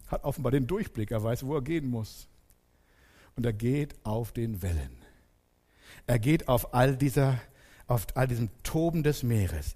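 A man preaching a sermon. He talks straight to his congregation and uses dramatic pauses, dropping soft and then building loud. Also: medium pitch, husky, big-room sound.

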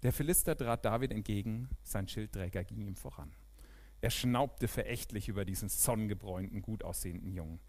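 Animated German-speaking preacher man. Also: on the low side, a little fast. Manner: animated, swings between loud emphasis and quiet asides. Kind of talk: sermon.

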